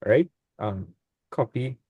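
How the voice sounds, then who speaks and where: A man's voice: medium pitch, animated, slow, darkish tone, husky, no room sound. A young man, tutoring maths in a casual online class. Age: young adult. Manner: casual, laid-back teaching with dialect speech. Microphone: video call.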